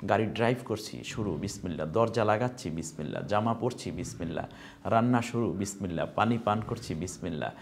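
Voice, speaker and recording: A man's voice: fairly low pitch, fairly quick, a little hiss or hum. A male Quran teacher giving an online lesson, drilling Arabic letters one by one and asking then answering his own questions.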